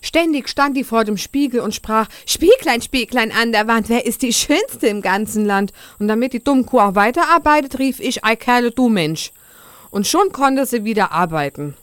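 A woman's voice: fairly high pitch, animated, normal speed, fairly bright tone, no echo, studio quality. A woman voicing Frau Holle, a chatty, gossipy ancient housewife, in a comic radio play.

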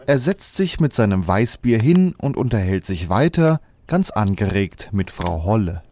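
A man's voice: on the low side, sing-song, measured pace, warm tone, a little hiss or hum. A man narrating a comic fairy-tale radio play in a storytelling manner.

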